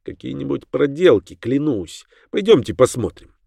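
A man voicing a bold, playful young gentleman. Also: mid-range voice, very animated, normal speed, gravelly, husky, no room sound, clean studio sound, exaggerated voice. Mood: eager.

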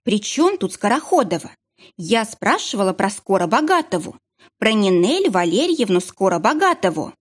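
An anxious, determined middle-aged woman, as a woman reading an audiobook voices her, pressing on in urgent, flustered phrases. Her pitch sits a little above the reader's usual and moves lively. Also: moderate pace, husky.

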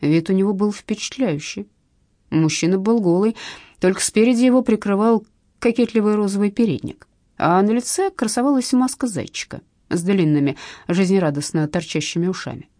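A woman reading a comic detective novel aloud in measured, expressive audiobook narration. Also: medium pitch, no room sound, clean studio sound.

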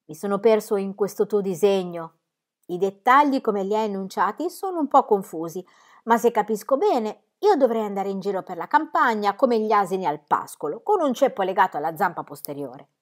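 A woman reading the part of a kindly, teasing middle-aged male country doctor, dry and gently mocking. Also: medium pitch, expressive, moderate pace, lightly acted. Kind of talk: audiobook character reading.

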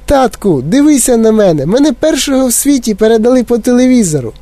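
A man voicing a tiny spoiled boy with a squeaky, mouse-like voice. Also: sing-song, fast talker, warm tone, dry recording, heavily acted. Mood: excited. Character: tiny shrieking spoiled boy, tantrum-prone.

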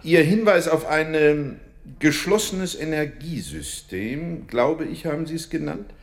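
An actor playing a modest English doctor in a radio drama, speaking politely, thoughtfully and with some hesitation. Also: male voice, a little high, animated, a little slow. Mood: curious. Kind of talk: German radio drama acting.

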